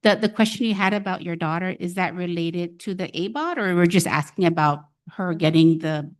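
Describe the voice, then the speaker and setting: A woman's voice: fairly low pitch, brisk. A woman on a panel, carefully explaining benefit program rules and returning to key points. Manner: explanatory, careful, repeats "again".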